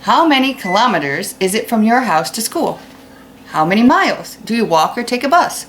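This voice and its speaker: Teaching a read-aloud lesson, this American woman, a fifth-grade teacher, chats informally with her young pupils and quizzes them as she goes. Her fairly bright voice sits on the high side with big pitch swings at a moderate pace, over a rough recording with a little hiss or hum.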